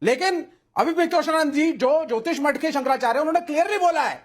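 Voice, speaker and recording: A man making his case on a televised political debate panel. He argues emphatically and with force. His voice sits very high. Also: fast. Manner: pleading, then emphatic argument.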